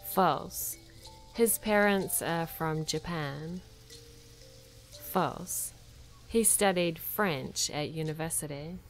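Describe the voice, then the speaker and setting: A woman hosting a show, reading out a true-or-false quiz in a deliberate, clear way. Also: lowish voice. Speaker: host. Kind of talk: quiz recap for learners.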